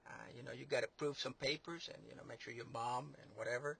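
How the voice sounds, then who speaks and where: A man's voice: mid-range voice, fairly even intonation, quick pace, gravelly, fairly bright tone, slight background noise. A man delivering a sarcastic political monologue, rambling and mocking, with many fillers and restarts. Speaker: commentator.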